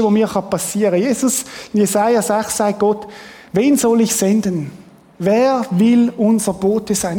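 A man's voice: high voice, dark tone, big-room sound. A man preaching a sermon as pastor, earnest and plain-spoken, asking the congregation questions. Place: church hall.

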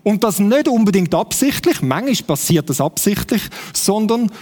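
High-voiced Swiss preacher in a hall. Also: male voice, sing-song, normal speed, darkish tone. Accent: Swiss German. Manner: conversational, keeps asking the congregation "oder?". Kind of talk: sermon. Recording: long hall reverb.

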